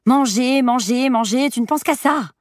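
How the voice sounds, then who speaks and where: A woman's voice: on the high side, animated, normal speed, no room sound, studio quality, pitched above the performer's own voice. A woman voicing a tired, scolding mother with her small son, exasperated, in a storybook reading.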